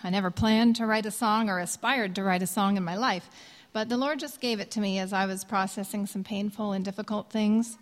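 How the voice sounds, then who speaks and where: A woman in her thirties who grew up in Indonesia, earnestly and gently introducing a worship song she wrote. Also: medium pitch, steady tone, a little fast. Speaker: songwriter. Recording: long reverb with soft music behind.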